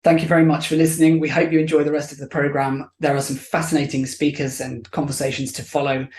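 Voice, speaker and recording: A co-presenter giving measured, thoughtful closing remarks to an online event audience. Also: mid-range voice, little pitch movement, darkish tone.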